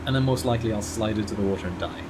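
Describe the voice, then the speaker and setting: A Dutch man streams a driving game, offering casual live commentary, chatting with his viewers and laughing at his own crashes. His voice is fairly low and fast, and the audio is very noisy.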